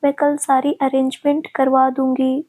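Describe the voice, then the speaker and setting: A woman's voice: high voice, completely flat delivery, measured pace, warm tone. A woman voicing a teasing, affectionate young woman in love, in a storybook reading.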